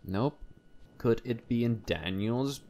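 A man's voice: animated, slow, mellow. A young man giving casual, playful playthrough commentary, repeating words in a sing-song way. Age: young adult. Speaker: gaming video host. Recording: faint noise with low rumble.

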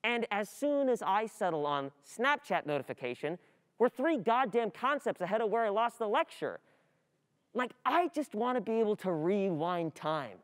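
In a dramatic radio play monologue, a performer plays a distracted, frustrated student, lightly acted, at a moderate pace. The clear, medium-pitched voice swings widely in pitch, agitated and repetitive, as anxious thoughts halt and then spill out, sounding overwhelmed and confiding. Long hall reverb surrounds it.

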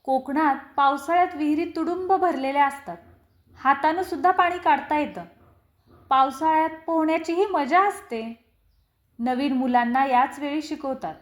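A woman reading a children's story aloud in an expressive, deliberate storytelling manner. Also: high-pitched. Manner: slow, expressive, acts out quoted lines. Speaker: story reader. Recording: roomy echo.

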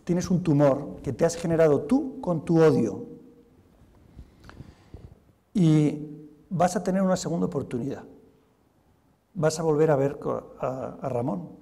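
A man voicing a gentle dead mother who speaks tenderly to her daughter in a dream. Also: fairly high pitch, measured pace, pauses often, long reverb tail.

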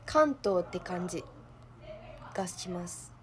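A woman's voice: lowish voice, expressive, slow, a little hiss or hum. A young woman with a Kansai accent, hosting a livestream in casual chat, playful and giggly, thinking aloud. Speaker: idol livestream host.

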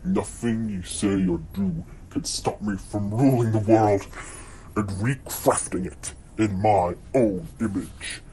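A man's voice: lowish voice, slow pace, mellow, voice pushed down. A man voicing a tyrannical father of the gods, haughty and grandiose, in a homemade fantasy story. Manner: grandiose, declamatory. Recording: noisy homemade recording.

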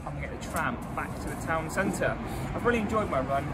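Heavy background noise and loud music surround this running vlogger in his thirties, who jogs a seaside promenade filming with an action camera, held or mounted. He narrates casually in the manner of a tour guide, his voice fairly high, lively, and quick.

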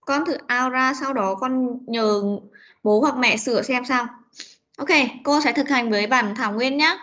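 A woman's voice: high-pitched, measured pace, fairly bright tone. Vietnamese woman teaching English online. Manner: patient, coaxing. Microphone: computer mic on a video call. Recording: dull lo-fi video call audio.

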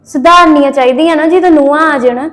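A woman's voice: high-pitched, fast talker, faint music behind, close to an everyday voice. A woman acting a resentful young wife who complains about her mother-in-law in a family web drama.

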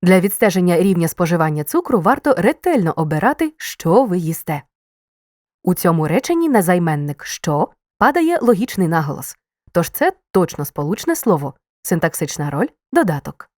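A woman reading a scripted grammar lesson, explaining clearly and stressing key words. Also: on the low side, sing-song, brisk, a little mellow, no room sound, clean studio sound. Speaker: teacher.

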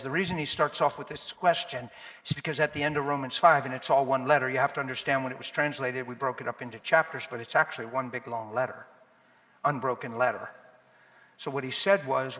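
Male preacher, middle-aged, animated sermon, bright forceful voice, swings from quiet to shouting. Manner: animated, swings from low asides to shouted exclamations. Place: church hall. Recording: long hall reverb.

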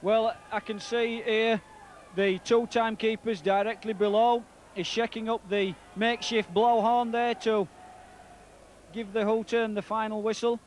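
A man's voice: high-pitched, level tone, a little slow. A man giving live commentary on a rugby league match. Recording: outdoor match noise behind commentary. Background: stadium ambience, whistling crowd.

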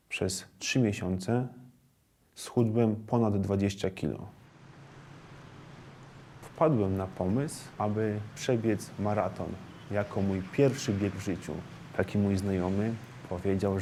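A man telling his own story slowly and deliberately in a documentary interview. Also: fairly low pitch, dark tone.

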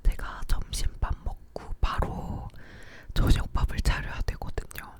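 Leaning in, a woman whispers slowly and closely, her murmuring soft and unhurried. She's an ASMR video creator chatting about daily life from her living room, with an ear-to-ear microphone near her mouth.

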